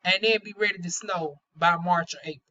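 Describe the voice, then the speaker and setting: A Southern American woman chats casually through a product review in a bright, forward voice. She has trouble pronouncing her R sounds and talks in a candid, folksy way peppered with slang. The recording is slightly dull and lo-fi. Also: fairly low pitch, fairly quick. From North Carolina, US South. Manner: folksy, candid, chatty with playful euphemisms and slang. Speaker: beauty vlogger, aesthetician.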